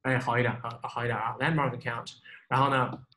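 A man's voice: mid-range voice, a little fast. A man teaching a speaking-test class, patiently correcting a student's pronunciation by modeling words again and again and switching between Mandarin and English. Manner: patient, repeats phrases, relaxed reassuring tone. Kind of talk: live speaking-class coaching.

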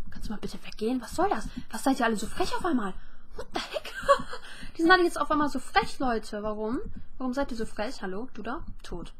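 A young woman giving lively, chatty commentary while playing a game, talking to her viewers and opponents. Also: fairly high pitch, a little hiss or hum. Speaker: gaming YouTuber. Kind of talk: casual let's play commentary.

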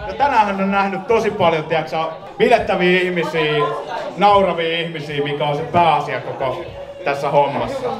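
Cheerful high-voiced man at a gig. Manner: cheerful, inviting people onto the dance floor. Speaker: guest at the gig. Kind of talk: casual chat with the vlogger. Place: indoor gig venue with a crowd. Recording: echoey venue, far from mic, loud crowd. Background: crowd noise.

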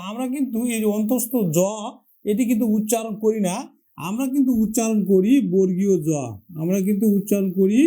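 A man teaching a lesson, patiently asking questions, answering them himself and repeating words slowly for pronunciation drills. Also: sits high, mellow. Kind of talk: classroom-style lesson.

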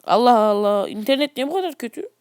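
A man giving casual, excitable commentary on a mobile game, grumbling at the game and chatting to his viewers. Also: very high voice, fast talker, clean tone, no room sound, studio quality. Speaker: gaming YouTuber.

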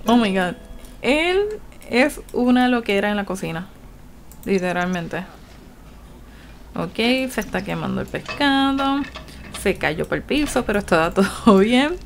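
A woman's voice: medium pitch, animated, a little slow, creaky, pauses often, a little hiss or hum. A woman with a Puerto Rican Spanish accent giving casual, chatty gameplay commentary, laughing often and voicing her game characters. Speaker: gaming YouTuber.

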